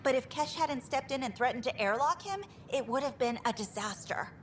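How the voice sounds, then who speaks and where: A woman's voice: sits high, animated, brisk, slight background noise. A woman voicing a frustrated female engineer on a space station, venting in an earnest, exasperated way.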